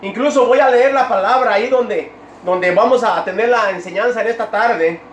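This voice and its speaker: A man's voice: sits high, moderate pace. A man preaching an informal sermon, retelling Bible stories and speaking straight to his listeners, often stopping to rephrase. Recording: echoey room, voice far from mic, faint hiss.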